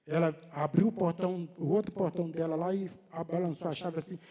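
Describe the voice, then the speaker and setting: A man's voice: fairly high pitch, fairly even intonation, brisk, mellow, big-room sound. A man preaching a sermon, telling a personal story in a conversational way and acting out the dialogue. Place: church hall.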